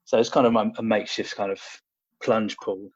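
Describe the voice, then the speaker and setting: The young man talks fairly quickly in a flat, low-side voice with a breathy edge, hesitating and restarting often amid lots of fillers. As a personal trainer guesting on a podcast, he tells stories casually, and the audio is dull lo-fi.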